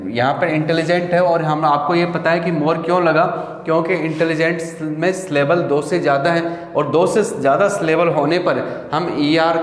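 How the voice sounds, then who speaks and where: Man teaching grammar, slow deliberate dictation, fairly high voice, roomy echo with long reverb. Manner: dictates example sentences slowly word by word, then explains in quick bursts. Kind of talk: classroom lesson. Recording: echoey room with long reverb.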